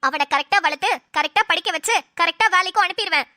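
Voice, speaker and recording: A woman's voice: extremely high pitch, quick pace, bright, forceful tone, dry recording, clean studio sound. A woman voicing a sarcastic daughter-in-law who mocks her in-laws, in cartoon voice acting. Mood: chiding. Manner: sarcastic, mocking.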